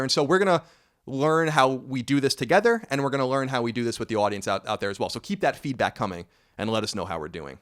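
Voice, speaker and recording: An American man in his thirties hosts a casual podcast, rambling, correcting himself and adding wry asides. His voice is medium-pitched and fairly bright.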